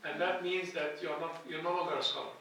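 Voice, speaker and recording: Middle-aged male lecturer from Egypt, earnest and restarting often; bright, gravelly, slightly high voice in a reverberant hall. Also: steady tone, quick pace, slight background noise. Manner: earnest, thinking aloud with frequent restarts. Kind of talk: classroom lecture. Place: lecture hall with a projected slide. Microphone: handheld mic at a lectern, filmed from a distant camera. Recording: echoey hall from far off.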